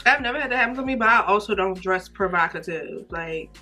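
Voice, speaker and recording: A young woman in casual girl-talk, speaking in an animated, emphatic, slangy way. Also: mid-range voice, a little fast, soft background music.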